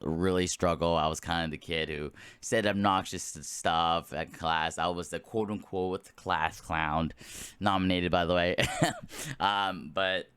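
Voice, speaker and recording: A man's voice: low-pitched, steady tone, unhurried, a bit bright, clean tone, dry recording, clean studio sound. A man in his late twenties hosting a solo podcast, talking casually in a rambling way with lots of fillers and restarts. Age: late 20s. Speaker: podcast host.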